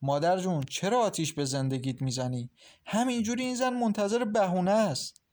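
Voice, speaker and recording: A man's voice: high-pitched, darkish tone, pitched above the performer's own voice, lightly acted. A worried, pleading mother, as a male narrator puts her on. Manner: pleading, reproachful.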